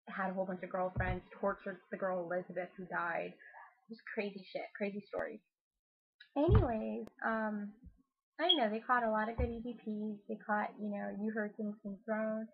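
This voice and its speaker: A woman hosting her own channel, chatting casually and excitedly with many fillers and some swearing. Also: mid-range voice, vocal fry, husky. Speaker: YouTube channel host. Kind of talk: casual vlog chat. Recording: tinny lo-fi phone-like sound.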